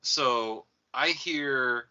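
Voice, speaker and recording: A man hosting a casual podcast chat, telling a rambling, profane story, with a thin, tinny sound that has no bass, like a speakerphone across the room. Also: very slow, bright, forceful tone, clear, resonant tone. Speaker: podcast host.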